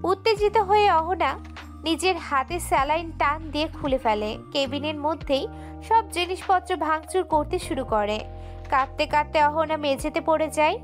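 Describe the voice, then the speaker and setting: A woman with a high voice narrates a romantic audio story, reading in an emotive and steady way. Faint background music plays under her narration. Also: normal speed.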